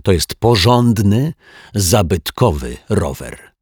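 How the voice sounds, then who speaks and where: A man's voice: on the low side, very animated, slow, darkish tone, husky, dry recording, studio quality, exaggerated voice. A man voicing a proud, easily offended detective in a children's audiobook, with a huffy manner. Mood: indignant. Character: indignant proud male detective.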